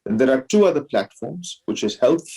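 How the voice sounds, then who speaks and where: A man with an educated, posh Indian English accent giving measured, deliberate explanations as an interview guest. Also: mid-range voice, very animated, warm tone, slightly rough. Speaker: interview guest, alumni society president.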